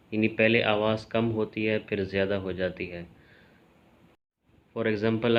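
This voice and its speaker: A man teaching a language lesson in a calm, measured way, clearly spelling out each sound. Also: on the low side, highs cut off. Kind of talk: slow explanatory lesson.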